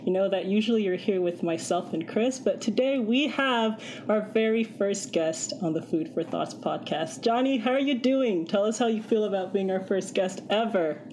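A woman with a Canadian accent hosting a casual podcast chat in a playful, expressive way. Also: medium pitch, moderate pace, hardly any pauses, slight background noise. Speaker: podcast host.

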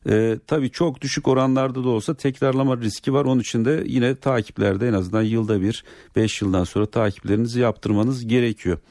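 A man's voice: mid-range voice, fast, few pauses, mellow, no echo, studio quality. A man speaking as a doctor, explaining medical advice to callers on a radio show. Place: radio studio.

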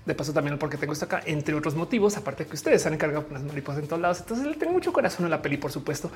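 A woman's voice: sits low, expressive, racing, soft background music. A woman from Bogotá whose Colombian accent has faded, with Mexican slang mixed in. She chats casually on a live stream, reads the chat aloud, swears lightly and laughs often.

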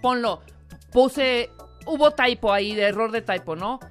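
A Mexican woman co-hosting a radio chat, telling stories in an animated way and laughing often. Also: a little high, unhurried, faint music behind. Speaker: radio co-host.

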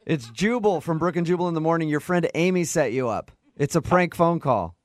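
A male radio host pulls a prank phone call, keeping a straight face as he pretends not to understand and holds back laughter. His voice is on the high side and a little fast, with noise in the background, and his delivery is deadpan with feigned confusion.

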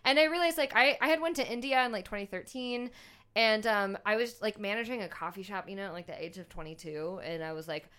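A woman's voice: medium pitch, quick pace, a bit bright, clean tone. A woman in her thirties from Louisiana, a guest chatting casually, laughing often and swearing. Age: 30s. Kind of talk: casual chat.

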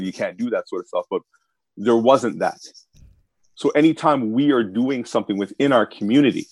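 Male podcast guest, passionate and animated, quotes others in lively voices, dry sound. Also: fairly low pitch, dry recording. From Canada. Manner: animated, impassioned, acts out quoted people. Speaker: voice actor. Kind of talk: casual podcast discussion.

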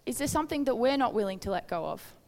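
A woman's voice: on the high side, very animated, fast, gravelly, darkish tone. Woman preaching in a reverberant hall. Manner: conversational, earnest, asks the listeners questions. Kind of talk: informal sermon with Bible reading.

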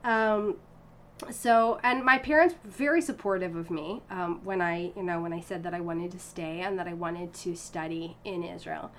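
An American woman in her thirties, a violinist, tells her story as a guest in a casual interview. Her mid-range voice is animated, full of fillers and restarts, and she laughs often, with a little hiss or hum in the recording.

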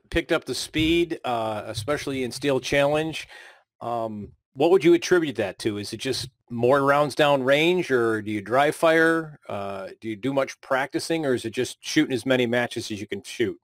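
An older man from Buffalo, New York, hosting a casual podcast chat with lots of relaxed "uh" fillers. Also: mid-range voice, normal speed, no echo. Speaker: podcast host.

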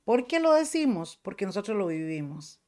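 A woman's voice: mid-range voice, very animated, normal speed, a little mellow. A middle-aged woman pastor with a Costa Rican accent, preaching a fervent sermon to her congregation. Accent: Costa Rican Spanish. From Costa Rica.

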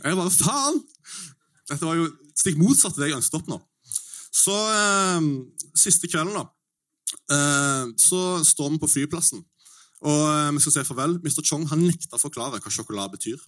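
A man telling a comic story on stage in a lively, slangy way, swearing and mimicking the people he meets. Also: fairly high pitch. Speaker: stand-up comedian. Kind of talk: stand-up storytelling.

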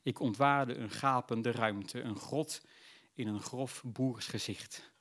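A man narrating a literary novel in a measured, reflective storytelling voice. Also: mid-range voice, a bit bright.

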